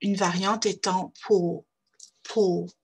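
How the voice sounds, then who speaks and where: A woman's voice: mid-range voice, fairly even intonation, takes it slowly, darkish tone, slightly rough. A woman pronunciation teacher, speaking in a patient, carefully articulated way as she repeats model words. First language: French.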